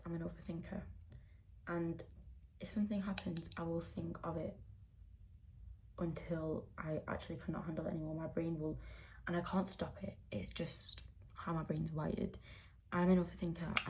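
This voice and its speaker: A woman's voice: lowish voice, gravelly, dark tone, a little hiss or hum. A young woman chatting candidly while getting ready, rambling with lots of fillers. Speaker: beauty vlogger. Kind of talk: casual chat while doing makeup. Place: indoors at home, getting ready.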